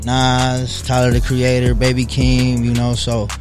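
A man's voice: mid-range voice, monotone, a little slow. A man from California, a guest rapper in casual interview chat, talking laid-back and slangy, often asking "you feel me". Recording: music playing behind. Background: music.

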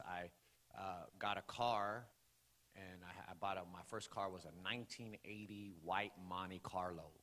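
A low-voiced man in his forties from the Los Angeles area, California, preaches his testimony to a congregation in a church sanctuary. He talks loosely, full of fillers, then rises into loud preaching bursts. The recording carries a long hall reverb.

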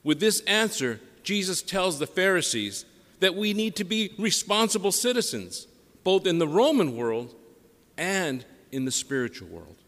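Priest with a long cathedral echo. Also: male voice, high-pitched, big pitch swings, unhurried, a bit bright. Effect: cathedral echo, long church reverb. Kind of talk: gospel reading and homily. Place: large parish church. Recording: long reverb of a large church.

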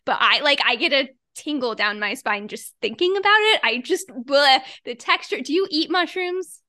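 Woman, podcast co-host, bright voice, fairly high pitch, dry close sound. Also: lively intonation, moderate pace, dry recording. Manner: chatty, leads the topic with frequent laughs. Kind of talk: casual chat.

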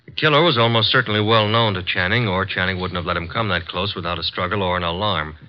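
Close to an everyday speaking voice, this deep-voiced actor portrays a wry, wisecracking assistant detective in a 1950s radio play, brisk and matter-of-fact. The old broadcast recording sounds muffled.

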